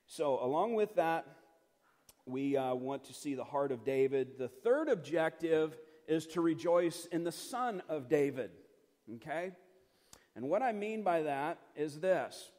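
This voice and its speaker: A man's voice: medium pitch, a little mellow, big-room sound. A middle-aged man leading a Bible study, talking earnestly and conversationally with lots of fillers and restarts. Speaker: pastor.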